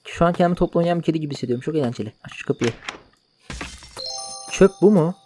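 A man's voice: fairly high pitch, very fast, dark tone, soft background music. A man giving joking, mock-outraged let's play commentary while translating game dialogue aloud. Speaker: gaming YouTuber.

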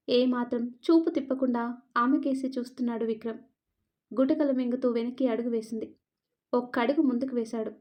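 Woman storyteller, romance narration, fairly high voice, muffled lo-fi sound. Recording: dull lo-fi narration recording.

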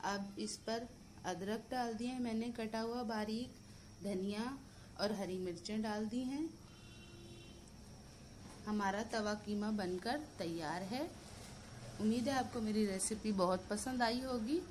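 A woman with a Pakistani Urdu accent, hosting a cooking channel, calmly talking through each step of a recipe in a voice-over. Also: medium pitch, unhurried, long pauses, slight background noise. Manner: steady step-by-step instructions mixed with English words.

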